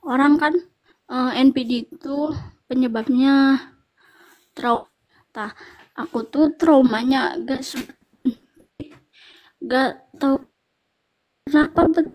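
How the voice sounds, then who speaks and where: High-pitched woman on a breaking-up call. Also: fairly even intonation, highs cut off. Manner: halting, hesitant, repeats herself. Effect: choppy, breaking-up call connection. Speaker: caller on a live video call. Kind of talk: casual live-stream call.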